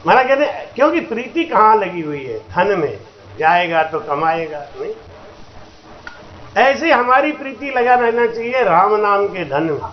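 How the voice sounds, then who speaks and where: A man giving a storytelling sermon at a satsang, acting out characters in folksy dialogue and breaking into slow sung verses. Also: high-pitched, sing-song. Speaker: spiritual teacher giving a satsang discourse. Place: religious gathering hall. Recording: roomy, dull lo-fi recording with faint noise.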